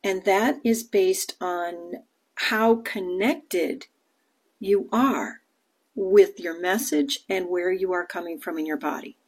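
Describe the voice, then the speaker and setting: A woman calmly explaining and demonstrating how to speak from different parts of the body, talking to a phone camera in a short video. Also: fairly low pitch, takes it slowly, slightly rough. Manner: calm, guiding, demonstrates shifting her voice placement. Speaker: speaking energy teacher. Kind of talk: explanatory social media video reply.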